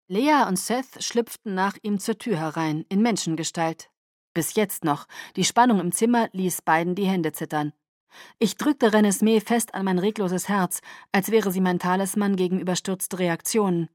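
A woman narrating a novel in the first person in a calm, measured reading. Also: medium pitch, no echo, studio quality. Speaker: audiobook narrator. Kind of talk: scripted narration.

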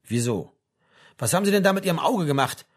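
A man reading a story aloud, voicing a mocking, gruff middle-aged army sergeant in a raised, sarcastic voice. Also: fairly high pitch, lively intonation, fast talker, pitched above the performer's own voice. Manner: sarcastic, barking questions.

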